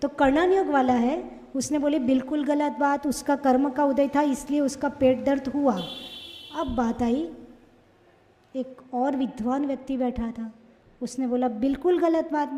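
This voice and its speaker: High-voiced woman preaching in an echoing hall. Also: mellow. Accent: Indian Hindi, Indore. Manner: scolding, rhetorical questions to the audience. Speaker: Jain nun preacher. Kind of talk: sermon. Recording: long hall reverb.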